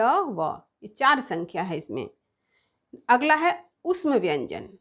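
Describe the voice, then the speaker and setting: A woman teaching a grammar lesson, explaining step by step, sounding out letters one at a time and answering her own questions. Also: high voice.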